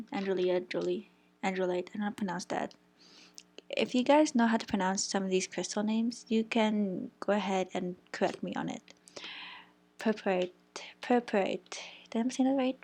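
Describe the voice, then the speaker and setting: A woman's voice: mid-range voice, darkish tone, slightly rough. A young woman giving a casual tarot reading, chatting as she shuffles, thinking aloud and sometimes dropping to a whisper. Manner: chatty, thinks aloud, stumbles over crystal names, some whispered words. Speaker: tarot reader.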